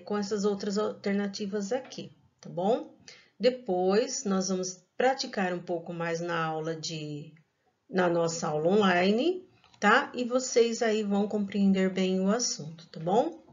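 A Brazilian woman teacher talks young kids through an English lesson, unhurried and deliberate, saying each word twice. Her voice comes through a laptop webcam with a dull, lo-fi sound. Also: medium pitch. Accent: Brazilian Portuguese. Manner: slow, careful, repeats each word for children. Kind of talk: recorded online class.

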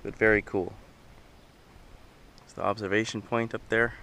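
A man's voice: lowish voice, moderate pace. Man narrating a windy outdoor walk. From Canada. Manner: relaxed, explaining as he walks. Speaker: sailing family vlogger. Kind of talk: casual travel narration. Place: outdoors on a windy volcanic island. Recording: loud wind noise on the mic.

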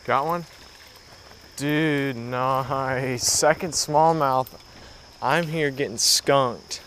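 A teenage boy vlogging a fishing trip by a creek, chatty and excited, filmed on an action camera outdoors. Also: medium pitch, extremely slow, slight background noise. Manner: excited, chatty, says dude a lot. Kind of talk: casual outdoor vlog narration.

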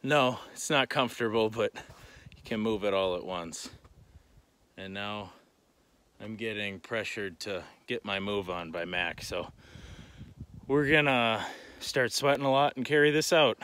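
A man's voice: on the low side, a little slow, pauses often, a bit bright. A man vlogging casually outdoors in snowy woods, rambling in an easygoing way while hauling hunting gear and cooking on an action camera. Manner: easygoing, rambling, talks to his dog. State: out of breath.

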